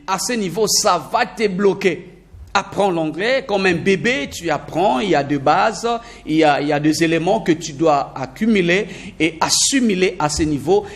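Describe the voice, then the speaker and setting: A man teaching a video lesson on learning English, energetic and repeating phrases for emphasis, mixing in English sentences. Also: sits high.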